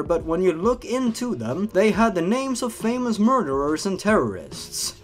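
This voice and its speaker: A man's voice: fairly high pitch, fairly bright tone. A man hosting a comedic reading of a badly written horror story, breaking in with sarcastic, mocking asides. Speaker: YouTube host. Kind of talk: comedic creepypasta reading with commentary.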